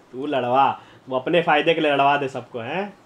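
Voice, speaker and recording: A young man streaming a game live, chatting to viewers and breaking into excited shouts and laughter. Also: fairly high pitch, a little slow. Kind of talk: live gameplay commentary.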